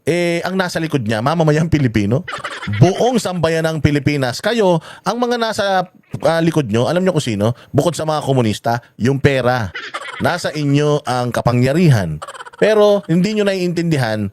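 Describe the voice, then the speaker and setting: A high-voiced man rants about politics, cursing and tripping over his words as he builds up steam. Faint noise and the odd fowl call sit behind him. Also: animated, moderate pace, a little mellow. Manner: heated, cursing, many restarts and fillers. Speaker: political vlogger. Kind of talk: angry political commentary.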